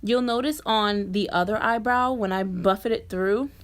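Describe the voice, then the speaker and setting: A woman narrates a beauty tutorial as a vlogger would. She is chatty and informal, speaking straight to her viewers at a middling pitch. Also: a little slow. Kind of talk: casual makeup tutorial voice-over.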